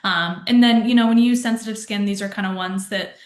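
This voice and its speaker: A woman's voice: mid-range voice, steady tone, fast talker. A young adult woman from a skincare brand, giving casual skincare advice with lots of "um" and "you know". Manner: chatty, many fillers like um and you know. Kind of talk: casual informative talk. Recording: echoey room.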